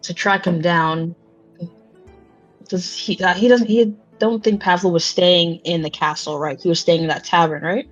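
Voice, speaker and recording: A woman's voice: on the low side, steady tone, normal speed, faint music behind. Hesitant woman player on a lo-fi mic. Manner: hesitant, thinking aloud. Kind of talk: casual tabletop game chat.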